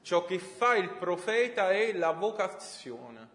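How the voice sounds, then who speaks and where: Lively male teacher in an echoey classroom. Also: high-pitched, takes it slowly. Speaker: religion teacher. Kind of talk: classroom lecture. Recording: echoey room, long reverb.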